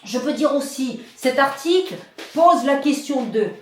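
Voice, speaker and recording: A woman's voice: high voice, expressive, measured pace, recorded from a distance, a little hiss or hum. Echoey didactic woman teacher. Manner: patient, didactic, repeats key phrases. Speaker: Spanish teacher. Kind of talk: classroom lesson explaining grammar. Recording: very echoey room, voice off-mic.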